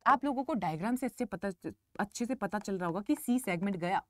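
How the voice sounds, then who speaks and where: Woman teacher, animated up-and-down voice, dry close sound, repeats key words. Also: mid-range voice, fairly quick, no echo. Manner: repetitive, emphatic, addresses students as children. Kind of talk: online lecture.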